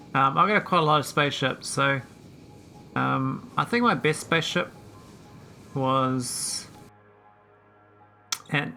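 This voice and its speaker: A man chatting casually while streaming a game, rambling with many pauses and talking to his viewers. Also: medium pitch, creaky, sharp tone. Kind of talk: casual live-stream chat.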